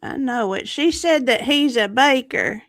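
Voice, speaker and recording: A woman hosts a chat show in character as a folksy grandma, improvising comedy in a hesitant drawl. Her voice is high-pitched and expressive, and she takes her time. The sound is clean studio audio with no room sound.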